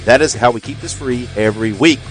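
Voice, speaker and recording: A man's voice: mid-range voice, fairly quick, faint music behind. A man hosting a wrestling podcast, reading show announcements and promos in a rambling way that corrects itself as it goes, speaking into a headset. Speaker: podcast host.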